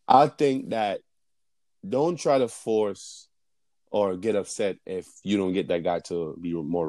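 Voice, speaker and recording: A man's voice: fairly low pitch, a little mellow, dry recording. A man chatting casually as a co-host answering questions, in a slangy, sweary frat-bro way with repetitive, emphatic phrasing. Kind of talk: casual unscripted chat answering listener questions.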